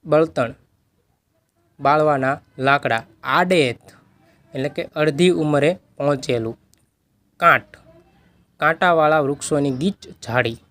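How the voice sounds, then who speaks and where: A man, working as a tutor, reading vocabulary words and their meanings aloud in a steady list. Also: a little high, slow pace, pauses often.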